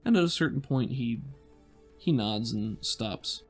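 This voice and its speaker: In a measured way, a man acting as game master narrates a tabletop roleplaying game, setting scenes and prompting the player. His medium-pitched voice is expressive, with faint music playing behind him.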